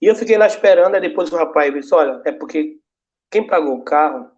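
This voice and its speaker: High-voiced pastor telling a testimony. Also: male voice, expressive, brisk, darkish tone. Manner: storytelling, acting out both sides of dialogues. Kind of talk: testimony preached to a congregation. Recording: dull lo-fi recording.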